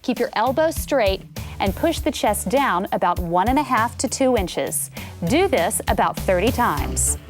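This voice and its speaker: A woman giving scripted CPR instruction, calm and clear, coaching step by step. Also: medium pitch, measured pace, music in the background.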